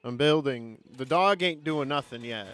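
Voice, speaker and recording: A man's voice: medium pitch, moderate pace, a bit bright. A young man streaming a game, teasing his friends in casual profane chat and talking to his chat.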